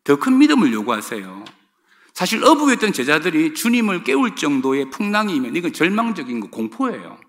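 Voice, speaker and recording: Lively, high-pitched male pastor preaching. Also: fairly quick. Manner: emphatic preaching, addressing the congregation directly. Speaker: senior pastor. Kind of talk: sermon.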